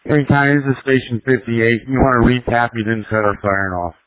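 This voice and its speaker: A man from a fire station calling the dispatcher over a two-way radio, brisk and to the point. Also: mid-range voice, dry recording. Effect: two-way radio transmission. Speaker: fire station crew member. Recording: tinny distant radio scanner audio.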